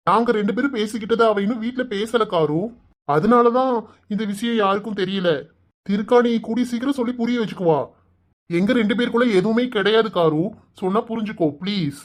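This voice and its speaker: Cartoon role: a teasing, soft-spoken young village man with a Kanyakumari Tamil accent, a woman doing the voice. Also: medium pitch, close to an everyday voice. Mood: reassuring. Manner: teasing and coaxing, soft and drawn-out. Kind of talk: cartoon voice acting.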